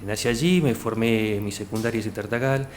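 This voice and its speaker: Speaking fairly quickly in a voice on the low side, the man from Argentina's Salta province, in his thirties, fields questions from a formal interview panel. His Salta-accented Argentine Spanish is hesitant, with many fillers and restarts, and the echoey recording carries faint noise.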